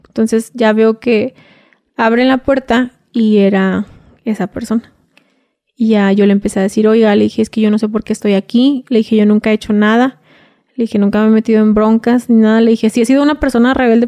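Guest, woman, Mexican Spanish accent, dark, husky-gravelly tone, dry close sound, chatty storytelling that slips into a hush. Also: mid-range voice, dry recording. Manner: retells events through quoted back-and-forth dialogue, often 'le dije'. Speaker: guest telling her story. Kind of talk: conversational first-person account.

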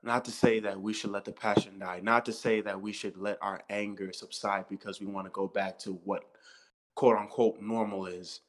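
The audio is poor, and the voice is lowish with little pitch movement at a normal speed. It belongs to an American podcast co-host in his thirties who argues passionately in an informal chat, hammering his points, repeating them and cursing without restraint.

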